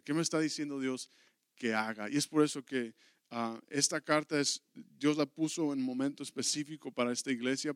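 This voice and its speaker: Man, pastor, Bible class sermon, earnest and emphatic, fairly high voice, dry sound. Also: a bit bright, no room sound. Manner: earnest, repetitive preaching with rising emphatic calls. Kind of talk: sermon-style Bible teaching.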